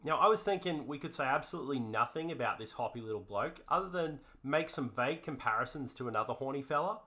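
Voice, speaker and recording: A man's voice: mid-range voice, lively intonation, fast talker, bright, forceful tone. A man co-hosting a comedic card review, talking in a put-on broad Australian accent and joking with heavy slang. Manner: jokey, heavy Aussie slang. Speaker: co-host.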